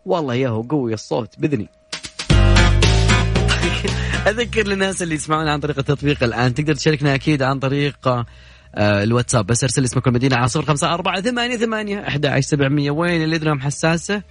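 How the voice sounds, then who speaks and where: A man's voice: on the high side, expressive, very fast, faint music behind. A man with a Saudi Gulf accent hosting a call-in radio show, chatting and joking with callers. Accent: Saudi Gulf Arabic. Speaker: radio host.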